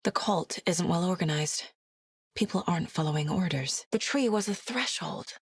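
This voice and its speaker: An investigator character from a video game, a determined woman with a lowish husky voice, delivers her lines animatedly at a moderate speed. The recording is close and dry, and her tone stays thoughtful, focused, introspective and understated.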